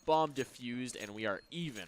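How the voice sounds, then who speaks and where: A man doing live play-by-play commentary on an esports match, energetic and jokey. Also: medium pitch, normal speed, a little hiss or hum. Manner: energetic, jokey, hypes up big plays. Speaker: esports caster.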